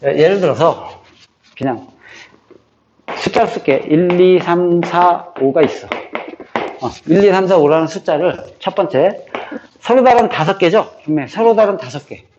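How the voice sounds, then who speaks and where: Man teaching math, a bit higher voice. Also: lively intonation, moderate pace, long pauses, a little mellow. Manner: checks in with listeners, often tacking on a questioning "eo?"; repeats key phrases over and over for memorization. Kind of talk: classroom lecture on combinatorics. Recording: slightly dull, faintly noisy lecture recording.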